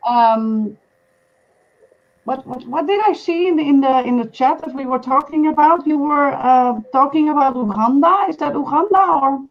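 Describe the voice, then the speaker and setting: A woman with a high voice, speaking at a normal speed, hosts a casual live-stream chat over a video call, and the recording has its highs cut off. She guides the conversation, asks her guests questions, and gives advice to viewers.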